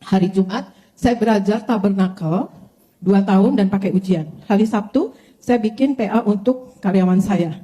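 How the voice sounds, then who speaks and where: Older woman giving an animated church testimony. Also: medium pitch, moderate pace. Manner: animated storytelling, often addressing listeners as brothers and sisters. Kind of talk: testimony sermon to a congregation.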